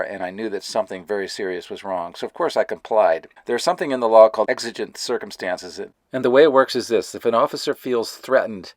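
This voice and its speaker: A man with a fairly low voice narrates his road-trip vlog at a quick clip. He tells the story in a chatty, explanatory way. The recording is dry and close, with no room sound. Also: no room sound. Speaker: travel vlogger.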